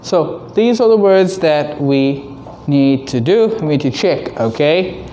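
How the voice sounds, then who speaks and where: A teacher giving a reading lesson to young children, sounding out words and short sentences very deliberately for them to repeat. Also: mid-range voice, animated, warm tone, a little hiss or hum, low-quality recording.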